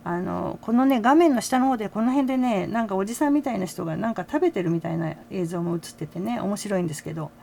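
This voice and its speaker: A woman's voice: medium pitch, quick pace, vocal fry, hardly any pauses, dark tone, a little hiss or hum. An older woman hosting a fan channel, chatting casually with frequent little laughs and tag words. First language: Japanese. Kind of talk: casual commentary to camera.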